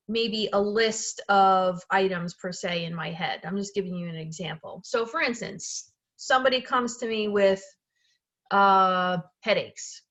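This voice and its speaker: A woman's voice: medium pitch, a bit bright. A woman who works as a medical intuitive and energy healer, explaining her methods in an informal, chatty talk, often restarting phrases and checking in with the listener. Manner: chatty, self-correcting, frequently checks in with "okay" and "right".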